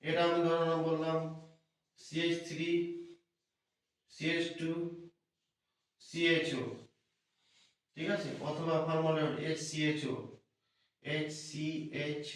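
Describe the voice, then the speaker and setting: A man's voice: a little high, level tone, a little slow, long pauses. A male teacher giving an exam revision lesson, asking questions and answering them himself. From West Bengal. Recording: echoey room from far off.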